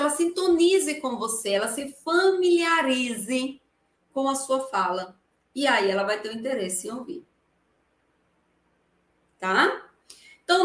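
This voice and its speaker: Emphatic Brazilian woman projecting in an echoey room. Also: high voice. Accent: Brazilian Portuguese. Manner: projected, emphatic voice that swings between loud and soft to demonstrate. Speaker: lawyer teaching public speaking. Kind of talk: live lecture to an audience. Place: room with a live audience. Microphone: no microphone, voice carried across the room.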